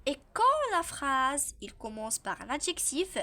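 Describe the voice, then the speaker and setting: A young woman with a Moroccan accent, explaining a French grammar lesson and repeating key terms slowly. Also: high voice, sing-song, pushed and bright. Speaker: French teacher.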